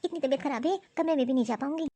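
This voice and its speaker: A woman plays a fussy old mother-in-law who feels unwell in a cartoon story. She complains in a high, quick voice and keeps calling for her daughters-in-law. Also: warm tone, a little hiss or hum, lightly acted. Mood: fretful. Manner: complaining, calls out repeatedly.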